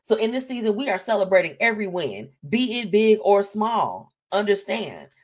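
A woman's voice: mid-range voice, big pitch swings, normal speed, a little mellow. A woman hosting a live online show in casual chat, encouraging and emphatic, often repeating words and phrases and checking in with little tags. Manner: conversational, often tags statements with "okay"; uplifting, encouraging.

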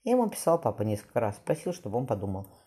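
A man's voice: lowish voice, sing-song, racing, mellow. A man voicing an earnest young sailor in his early twenties in an audiobook.

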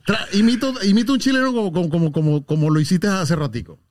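A man's voice: sits high, quick pace, noisy background. A man, a comedian hosting a casual podcast chat and playfully quizzing his co-host. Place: recording studio. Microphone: studio microphone.

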